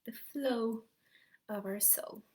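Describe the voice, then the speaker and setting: A young adult woman, an energy healer, softly leading a guided meditation in a slow, half-whispered voice. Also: a little high.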